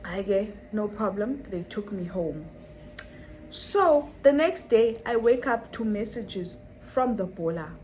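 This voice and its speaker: A woman's voice: mid-range voice, lively intonation, slow, darkish tone, a little hiss or hum, rough recording. A young woman telling a dramatic story on her vlog, full of rhetorical questions and repetition. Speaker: vlogger.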